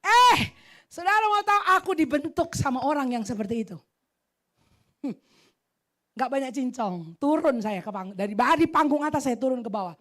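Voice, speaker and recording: Middle-aged Medan woman pastor, high bright voice, animated preacher who acts out every character in her stories. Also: normal speed. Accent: Medan Indonesian. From Medan, Indonesia. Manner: animated, mixes English phrases, acts out quoted voices. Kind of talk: lively sermon with storytelling. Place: church hall.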